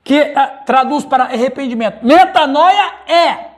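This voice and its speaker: A man's voice: extremely high pitch, measured pace. A male pastor with a Brazilian Portuguese accent, teaching a Bible study and calling on listeners by name.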